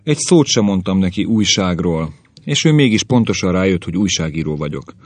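A man's voice: sits low, animated, no echo. A man doing an eager old newspaper editor. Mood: proud. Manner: eager, rattles off stock phrases.

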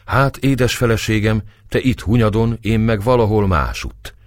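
Earnest young nobleman, fond and steady, read by a man, dry close sound. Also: fairly low pitch, no room sound, voice pushed up, close to an everyday voice.

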